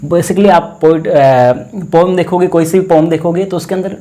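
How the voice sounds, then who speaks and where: A man with an Indian accent teaching an English class, explaining each point carefully and repeating key words as he reads the English slowly. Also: on the high side, warm tone. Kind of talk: classroom lecture.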